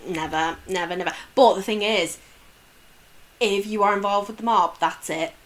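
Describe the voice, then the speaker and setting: A woman's voice: mid-range voice, normal speed, fairly bright tone. A woman co-hosting a podcast, telling a story in a chatty, easygoing way. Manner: chatty storytelling, laughs easily. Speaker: podcast co-host. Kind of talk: casual chat.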